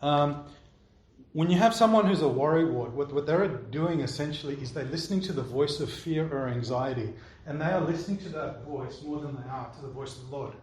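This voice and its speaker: In an echoey room, a pastor preaches and handles questions from his congregation in a chatty way, repeatedly asking "all right?" to keep listeners with him. His voice sits on the high side, with a darkish tone and a brisk pace.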